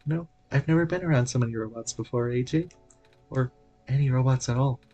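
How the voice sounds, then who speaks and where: A man's voice: medium pitch, brisk, dark tone, dull audio, soft background music, natural voice. A man voicing a curious, cheerful young child hero in a video game, talking in an eager, wondering way.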